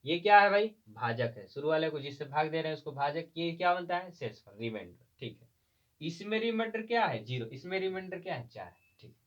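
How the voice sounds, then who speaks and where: A man's voice: on the high side, a bit bright. Male teacher drilling terms, distant lo-fi. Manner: drills terms with call-and-response questions; spells words out letter by letter. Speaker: math teacher. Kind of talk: classroom math lesson. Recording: distant dull lo-fi recording.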